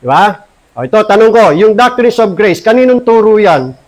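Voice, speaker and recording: A man with a Filipino accent, a pastor preaching an earnest, emphatic sermon in church and slowing down to read scripture. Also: high voice, sing-song, a little mellow, rough recording. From Philippines. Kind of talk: Taglish sermon with Bible reading.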